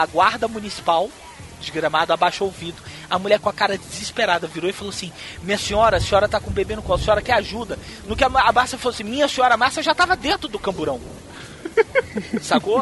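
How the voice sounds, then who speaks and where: A man from Brazil telling a wild story in a casual, profane and animated way, acting out what people said. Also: sits high, slight background noise. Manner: profane, animated storyteller who acts out quotes. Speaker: podcast host.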